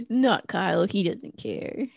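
A woman co-hosting a casual podcast chat in a relaxed, wry, teasing manner. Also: mid-range voice, slow, vocal fry, slightly rough. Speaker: podcast co-host.

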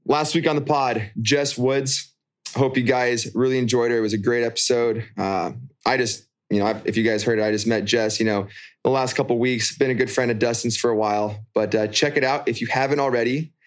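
A man speaks in an easy, upbeat way as co-host of a chat podcast. His voice sits at a middle pitch, and he addresses the audience informally as he goes. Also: steady tone, a little fast. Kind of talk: casual chat. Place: holiday rental, remote call over spotty Wi-Fi.

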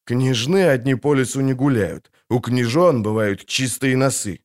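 A man reading an audiobook voices a gruff, impatient and sarcastic male monster hunter, close to his own voice. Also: medium pitch, a little slow, lightly acted.

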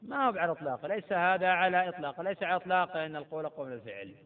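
A man's voice: sits high, lively intonation, very fast. A middle-aged man teaching Islamic jurisprudence as a sheikh, quizzing his students and repeating key points. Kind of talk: classroom lecture with questions to students. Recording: tinny phone-like lecture recording.

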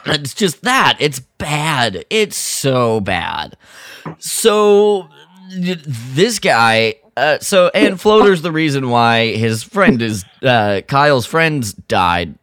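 Exasperated and critical, this man co-hosts a podcast review chat in a casual style, dropping mock quotes as he goes. His mid-range, slightly bright voice swings widely in pitch and moves very slowly, captured in a dry recording with clean studio sound.

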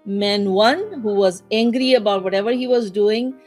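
A woman's voice: mid-range voice, expressive, normal speed, darkish tone, soft background music. Woman hosting a weekly online talk. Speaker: host.

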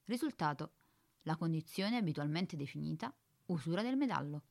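Calm ship computer, low-toned. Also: female voice, normal speed, creaky. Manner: flat, formal, bureaucratic diction. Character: calm, precise female spaceship computer.

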